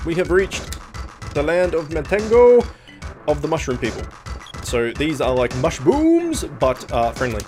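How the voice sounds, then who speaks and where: Animated sweary man commentating on a game. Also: fairly high pitch, measured pace. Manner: sweary, joking. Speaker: let's play host. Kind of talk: casual gameplay commentary. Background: video game music.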